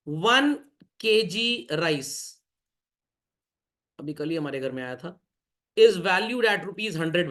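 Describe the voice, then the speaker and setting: A man lectures a classroom in a raised, high voice. He keeps quizzing the students and drops in quick joking asides between points. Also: fairly bright tone. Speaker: commerce teacher.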